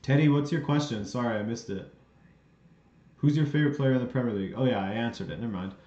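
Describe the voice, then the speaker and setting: A man's voice: medium pitch, fast, darkish tone. A man from western Canada hosting a live match watchalong, casually reacting to play and reading out chat questions. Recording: roomy, dull lo-fi stream audio.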